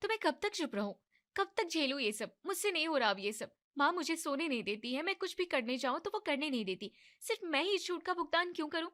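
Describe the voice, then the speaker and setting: A woman's voice: animated, a bit bright. A woman voicing an irritable young daughter-in-law in a cartoon family drama, complaining and pushing back. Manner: high, complaining and quick.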